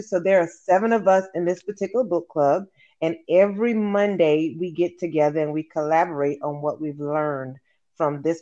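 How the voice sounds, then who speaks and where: A guest sharing personal habits in a measured, reflective way. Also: mid-range voice, dark tone. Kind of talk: casual interview chat. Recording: dull lo-fi line.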